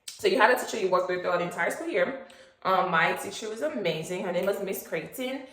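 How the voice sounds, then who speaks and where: Young woman from nigeria, vlogger, rambling casual chat, mid-pitched, roomy echo. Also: expressive, a little fast, a bit bright. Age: 20s. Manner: rambling, chatty, lots of fillers and asides. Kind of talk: casual chat, get-to-know-me story. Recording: echoey room.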